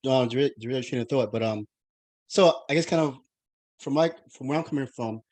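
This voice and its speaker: A man's voice: medium pitch, fairly quick, darkish tone. An American man in his thirties hosting a podcast interview, talking casually and rambling with many restarts and fillers. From United States. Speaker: podcast host.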